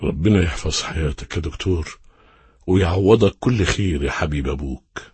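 A man with an Egyptian accent acting a serene, devout, fatherly old monk who speaks with gentle reassurance in a religious drama. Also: deep voice, a little fast, breathy edge, no echo. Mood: serene, grateful.

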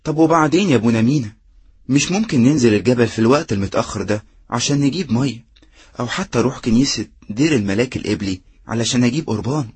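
An anxious Egyptian monk in a religious drama. He talks very fast in a breathy, husky voice of middling pitch, doubting and questioning. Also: lively intonation, darkish tone, no room sound. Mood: worried, doubting. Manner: worried, questioning. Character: anxious, doubting male monk, devout helper.

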